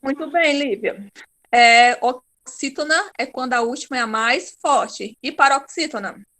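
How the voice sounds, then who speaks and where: A woman's voice: sits high, measured pace, pushed and bright. A Brazilian woman teaching an online class, patient and encouraging, praising her pupils by name. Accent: Brazilian Portuguese.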